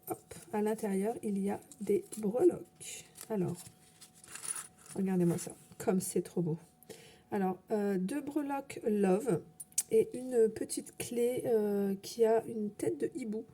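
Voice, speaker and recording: A woman's voice: a little high, mellow, slight background noise. A woman chatting casually while unboxing a crafting gift, hesitant, with many fillers and small laughs. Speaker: scrapbooking vlogger.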